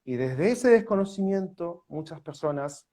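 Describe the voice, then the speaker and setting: Peruvian guy hosting a live video call, eager and welcoming, jumps in quick. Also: fairly high pitch, expressive, warm tone. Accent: Peruvian Spanish. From Peru. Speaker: host. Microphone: phone or webcam on a video call.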